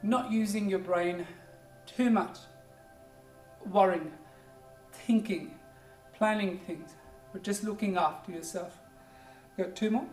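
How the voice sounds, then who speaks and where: Speaking slowly in a mid-range voice, a yoga teacher in their forties from India guides the class in English, a second language after Hindi or Punjabi, with an Indian accent. The tone is gentle and encouraging, full of simple repeated cues, "good" over and over, and a bit of pep talk. It's recorded in an echoey room from a distant mic, faint music audible.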